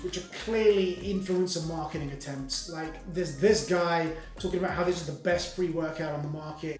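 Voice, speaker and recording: A man's voice: sits high, a little mellow, roomy sound. A man giving a blunt, indignant product review of a supplement, swearing freely as he goes through the label.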